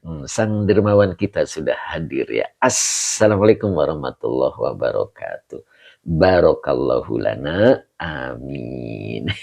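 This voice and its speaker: A male preacher with a deep, gravelly, mellow voice, warmly working through a live stream's comment list. His pitch rises and falls in lively swings as he reads names and answers with short prayers. The audio is muffled and lo-fi. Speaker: Islamic preacher hosting a live study stream. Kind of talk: casual live-stream greetings to viewers.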